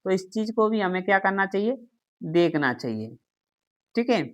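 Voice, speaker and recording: A woman's voice: mid-range voice, big pitch swings, moderate pace. A woman teaching a grammar lesson, who keeps asking questions and answering them herself. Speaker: Hindi teacher.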